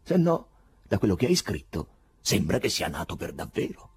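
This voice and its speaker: A man's voice: low-pitched, huge pitch swings, normal speed, husky, heavily acted. A man voicing a self-assured, polite learned man in an audiobook, speaking emphatically as if lecturing. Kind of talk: audiobook reading.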